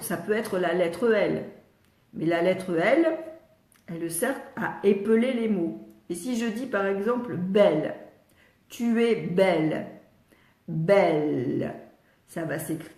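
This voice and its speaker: An older woman with a French accent, a speech therapist answering live questions, patiently sounding out letters and syllables and pausing often to read viewers' questions. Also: mid-range voice, a little mellow, echoey room. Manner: reads viewers' questions aloud, frequent hesitations. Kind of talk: live Q&A teaching.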